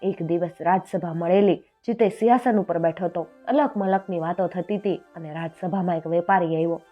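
A woman telling a traditional folk tale in an expressive storytelling voice, lifting her voice for the characters. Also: lowish voice, a little fast. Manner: expressive, raises voice for quoted characters. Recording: dull lo-fi sound with faint music.

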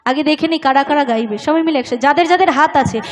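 A woman's voice: high voice, very fast. A woman folk singer talking from a live stage, coaxing the audience to clap and sing along. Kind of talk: live stage talk between songs. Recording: loud band music behind the voice.

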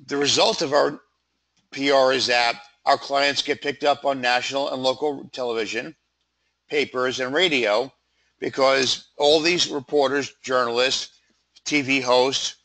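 Froggy-voiced man with a bright, forceful delivery. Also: medium pitch, poor audio. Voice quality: froggy, throat-clearing voice. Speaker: PR company presenter. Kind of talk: slide presentation, conversational sales pitch.

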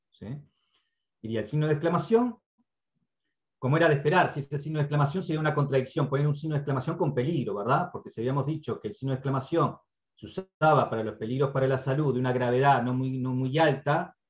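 A man's voice: mid-range voice, darkish tone. A man with a Uruguayan Spanish accent teaches over a computer mic on a video call. He explains steadily and patiently, repeats his main points, and keeps checking that the class follows along. His speech is dotted with hesitant "eh" fillers and small restarts. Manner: checks in with frequent "¿sí?". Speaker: instructor. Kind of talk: online training lecture.

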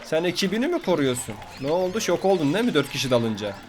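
Young male gaming commentator, fairly high voice, brash slangy trash talk, faint background hiss. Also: sing-song, quick pace. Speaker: gameplay commentator.

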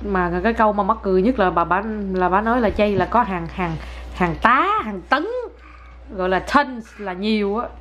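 A woman's voice: mid-range voice, moderate pace, fairly bright tone, a little hiss or hum. A young woman, a mother talking casually to camera while coaxing her toddler at home. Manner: chatty, coaxing, sing-song talk to a child. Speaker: vlogger, mother.

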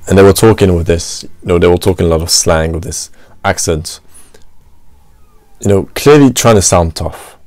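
An adult man from France who works in a restaurant hosts a solo podcast, reflecting aloud and often slipping in "you know" and "right." He has a French accent and a deep, darkish voice at a moderate pace, in a dry recording.

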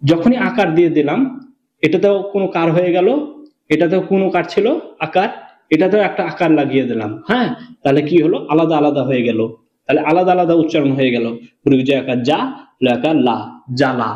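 A man teaching a beginner reading lesson, slow and patient, asking questions and answering them himself. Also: on the high side, a little mellow. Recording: echoey room, dull lo-fi sound.

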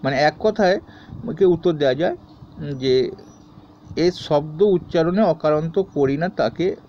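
A man teaching a grammar lesson to students, reading each question and then explaining the answer in a steady tone. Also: fairly high pitch, unhurried, dull audio, a little hiss or hum.

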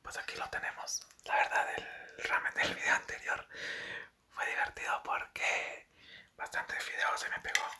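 Young man, breathy whisper, very sharp bright sound, ASMR eating commentary, halting short phrases, close desk mic. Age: young adult. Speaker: ASMR mukbang creator. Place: small bedroom, indoors. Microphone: desk microphone close to the mouth.

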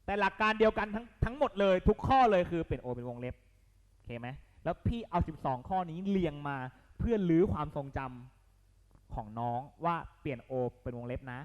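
A man leads a math exam lesson in a casual, coaxing way, asking again and again whether students are keeping up. His voice sits a little high and moves up and down a lot. The sound carries a long, hall-like reverb. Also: fairly quick, muffled recording. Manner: lively, coaxing, keeps checking the students follow; blunt and slangy at times. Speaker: math tutor.

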